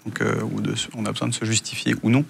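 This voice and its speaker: A man from France tells anecdotes in a relaxed interview, pausing often on fillers. His voice sits low with a gravelly edge, and he acts out the lines of the people in his stories. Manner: relaxed anecdotes with many hesitations, acting out quoted dialogue. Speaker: guest, former intelligence officer. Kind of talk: casual storytelling interview.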